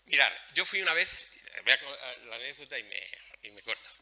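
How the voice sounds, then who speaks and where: A man's voice: medium pitch, brisk, vocal fry. A man giving a conference talk at a workshop, telling anecdotes bluntly and acting out the dialogue. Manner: blunt, animated storytelling with acted-out dialogue. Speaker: workshop speaker.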